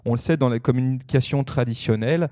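A man's voice: mid-range voice, quick pace, a little mellow, no echo, studio quality. A man co-hosting a casual podcast discussion, talking in a hesitant way with many fillers and restarts.

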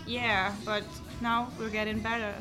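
A woman's voice: medium pitch, level tone. Young Albanian-accented woman, cafe music behind. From Kosovo. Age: 20s. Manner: halting, many fillers and restarts. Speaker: interview guest, coffee shop worker. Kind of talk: casual interview chat. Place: basement seating of a coffee shop.

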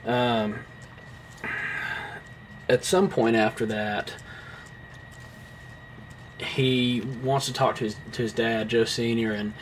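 A young man co-hosting a casual film podcast, his speech full of ums, restarts and offhand swearing. His voice sits at an ordinary pitch, with a faint hum of noise behind him. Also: steady tone, slow pace, long pauses. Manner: rambling, many fillers and restarts. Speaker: podcast co-host.

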